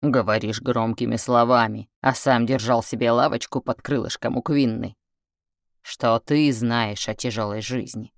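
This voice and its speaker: A woman doing a gruff, hostile guild fighter. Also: mid-range voice, fairly even intonation, unhurried, dry recording, studio quality, pitched below the performer's own voice. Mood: scornful.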